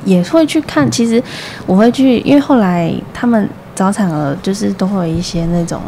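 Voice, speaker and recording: A woman's voice: medium pitch, a little hiss or hum. A woman, a mother telling her baby's story in casual conversation and acting out what the doctor said. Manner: animated storytelling, acts out the doctor's slow replies. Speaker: guest, mother of a premature baby.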